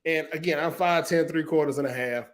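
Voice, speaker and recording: High-voiced man, emphatic casual chat. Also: fairly quick. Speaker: podcast co-host.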